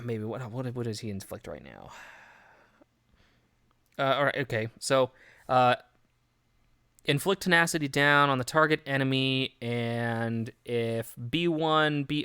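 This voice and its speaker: A man's voice: medium pitch, fairly bright tone, smooth, no room sound, studio quality. A man chatting casually as a gaming streamer, rambling with many fillers and restarts. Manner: laughs easily. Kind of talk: casual game commentary.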